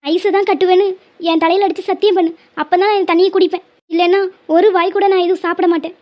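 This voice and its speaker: A woman's voice: very high-pitched, fairly even intonation, quick pace. A woman voicing a stubborn, emotional middle-aged cartoon mother who pleads and guilt-trips. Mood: tearful demanding. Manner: pleading, melodramatic, guilt-tripping. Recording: muffled lo-fi audio.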